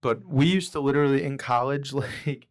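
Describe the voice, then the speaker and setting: Brash, profane young podcast host. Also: male voice, medium pitch, moderate pace. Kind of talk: casual chat.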